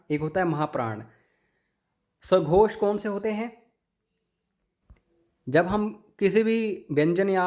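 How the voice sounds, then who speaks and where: A man's voice: on the high side, a little mellow. A young man teaching an exam-prep grammar lesson, explaining each answer step by step and addressing viewers as friends.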